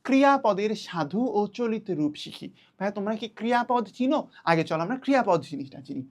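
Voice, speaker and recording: A woman's voice: medium pitch, lively intonation. Patient young woman teaching a class. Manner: patient, repeats key words slowly for children. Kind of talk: online class lesson.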